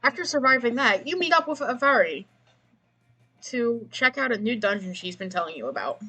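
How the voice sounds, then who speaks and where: Brief: woman game narrator, husky tone, deadpan read-aloud, a touch higher voice. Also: moderate pace, faint music behind, low-quality recording. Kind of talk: reading game text aloud.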